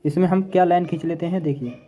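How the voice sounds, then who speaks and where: A man's voice: fairly high pitch, steady tone, fast, mellow, slight background noise. A man teaching Hindi grammar in an online exam-prep lesson, repeating each point while he writes notes. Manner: repetitive, drills each point with "देखिए" and "ठीक है"; talks while writing notes on a board.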